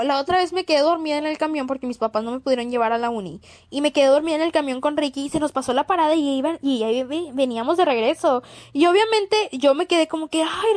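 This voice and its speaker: A woman's voice: sits high, no room sound, studio quality. A young woman with a Mexican accent, hosting a casual storytelling podcast, chatty and slangy, giggling and acting out quotes as she tells anecdotes. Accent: Mexican Spanish. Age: young adult. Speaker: podcast host.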